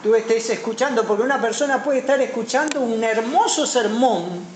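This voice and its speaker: A male pastor with a Paraguayan Spanish accent preaches emphatically, his voice swinging from loud peaks to quiet drops. The sound is roomy and echoey, with a faint hum underneath. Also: very high-pitched, normal speed. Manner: emphatic preaching, voice rising and dropping sharply. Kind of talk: sermon.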